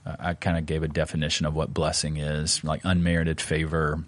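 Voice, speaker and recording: A man, a pastor, talking through his sermon in a relaxed, conversational way with plenty of fillers. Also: a bass voice, brisk. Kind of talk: casual podcast discussion of a sermon.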